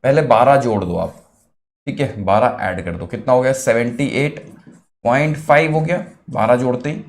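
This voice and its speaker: A man teaching a live online exam-prep math class, encouraging, repeating each answer, and mixing quick calculation with motivational asides. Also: medium pitch. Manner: encouraging, repeats answers, addresses students as kids.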